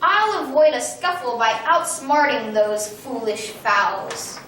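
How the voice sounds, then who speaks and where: A woman's voice: animated, slow, fairly bright tone. A woman voicing a sly, greedy male fox in a picture book she reads aloud, gloating and sneering. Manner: gloating, sneering storybook villain voice. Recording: very echoey room, far from mic, faint rumble.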